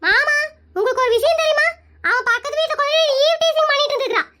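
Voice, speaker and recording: A feisty village wife in a cartoon, ready to fight anyone who crosses her, played by a performer. Her voice sits very high and fast, with a bright, cutting edge. She fires back defiant retorts without pause. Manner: defiant, quick comebacks. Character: feisty village wife, bold and sharp-tongued. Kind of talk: animated comedy cartoon voicing.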